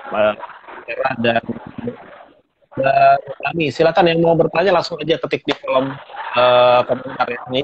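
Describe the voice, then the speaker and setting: Man, class host, relaxed affirming talker, muffled recording. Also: medium pitch, moderate pace. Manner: agreeable, frequent affirming fillers. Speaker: host of an online parenting class. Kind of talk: casual hosting and chat. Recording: dull lo-fi audio with faint noise.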